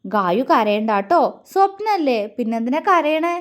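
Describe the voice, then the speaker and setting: A woman playing a young husband, gentle, sorrowful, soft-spoken, high voice, audio drama. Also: sing-song, a little slow. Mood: sad, gentle. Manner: soft, sad, wistful questions.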